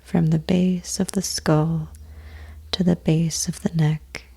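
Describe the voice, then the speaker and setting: A yoga nidra teacher guides a meditation in a low, husky voice that often sinks to a breathy, creaky near-whisper. She speaks extremely slowly and gently, with flat delivery and long pauses between short, soothing phrases.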